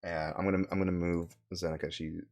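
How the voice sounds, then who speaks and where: A man narrating as game master of a tabletop game, halting with many fillers. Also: deep voice, level tone, darkish tone.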